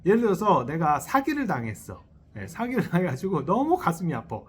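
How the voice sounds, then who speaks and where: A Buddhist monk gives a lively dharma talk in a temple hall, often questioning and checking in with listeners and chuckling as he acts out little inner voices. His voice sits high and brisk, recorded on a selfie-style camera with a little hiss or hum.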